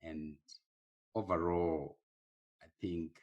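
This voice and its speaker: A middle-aged man with a Zimbabwean accent, a podcast guest speaking slowly and hesitantly with many pauses. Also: deep voice, steady tone, a little mellow, highs cut off. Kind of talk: casual podcast interview.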